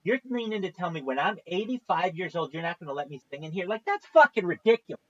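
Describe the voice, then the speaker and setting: A man's voice: sits high, very animated, quick pace, a bit bright, husky, dry recording, muffled recording. A man in his thirties, a livestreamer, tells a long story in a casual, profane, exasperated way. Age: 30s.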